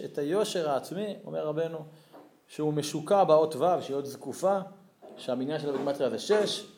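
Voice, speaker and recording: A man's voice: a little high, a little mellow, roomy sound. A man giving a religious Torah lesson, telling stories expressively and rising to emphatic peaks. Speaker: Torah teacher.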